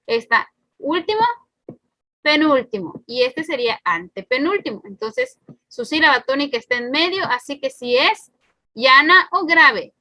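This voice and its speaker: A woman's voice: sits high, expressive, a little slow, bright, forceful tone, no echo. A woman teacher giving a recorded spelling lesson, patiently explaining each rule step by step and repeating it. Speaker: primary school teacher.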